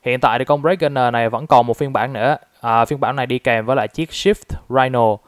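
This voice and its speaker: A man's voice: medium pitch, brisk, no echo, clean studio sound. A man from Vietnam casually reviewing a toy, explaining it step by step with frequent fillers.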